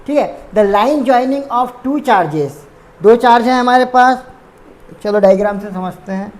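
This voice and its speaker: A woman's voice: a little high, slow pace, darkish tone. A woman teaching a physics lesson. She explains step by step, repeats terms and corrects her own slips.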